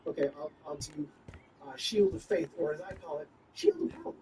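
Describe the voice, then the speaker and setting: A man's voice: on the high side, steady tone, fairly quick, darkish tone. A man playing in a tabletop game, talking casually and hesitantly with many fillers. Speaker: player. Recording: distant mic, faint noise.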